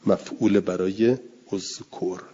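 A man giving a seminary lesson on Arabic grammar, explaining slowly and deliberately with emphatic asides. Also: low voice, fairly even intonation, dark tone, husky, long reverb tail. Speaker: religious teacher. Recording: dull lo-fi recording.

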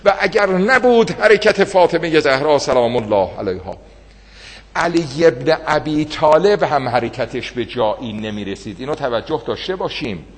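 A man preaching a sermon with great passion, swinging between loud outbursts and hushed, low phrases. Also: animated, in a large hall.

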